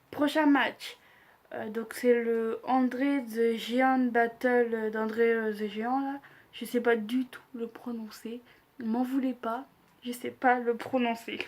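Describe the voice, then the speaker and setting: A woman's voice: a little high, a little mellow. A young woman making a casual wrestling predictions vlog, hesitant and full of fillers, laughing at herself. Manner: hesitant, many fillers, self-deprecating. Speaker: vlogger.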